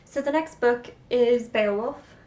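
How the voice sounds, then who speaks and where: A young woman chatting casually in a book vlog, excitable and self-deprecating, often unsure how to say names. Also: on the high side, slow pace. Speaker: booktuber. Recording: echoey room.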